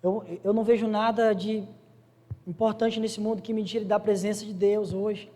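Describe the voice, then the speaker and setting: A man with a high-sitting, dark-toned voice preaches to his congregation in a church hall, speaking flatly at a normal pace as he tells stories and addresses listeners as "brother" and "dear" before rising into raised, urgent appeals. The live recording has long reverb and faint music.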